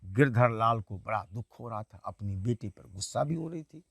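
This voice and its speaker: A man teaching a class, retelling a textbook story in a colloquial way and repeatedly asking quick questions that he answers himself. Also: on the low side, lively intonation, vocal fry, fairly bright tone, slightly rough, no room sound. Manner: poses quiz questions and answers them himself.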